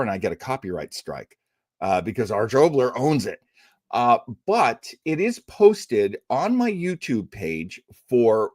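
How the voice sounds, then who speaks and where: With a mid-range voice, a man hosting an old-time radio listening show rambles through a casual live introduction, chatty and enthusiastic like a storyteller. The audio is clean studio sound, free of room noise.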